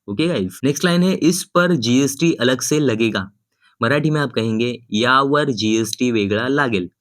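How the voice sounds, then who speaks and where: A man in the middle pitch range teaching a relaxed lesson, patiently repeating words and contrasting their sounds for his viewers. The recording is dry and close, with no room around the voice. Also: no echo. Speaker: language teacher. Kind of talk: casual explanatory lesson.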